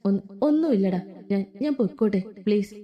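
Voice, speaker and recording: A woman's voice: mid-range voice, animated, muffled recording, close to an everyday voice. A woman voicing a frightened, betrayed young woman who stammers and holds back tears. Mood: timid. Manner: halting, stammering speech.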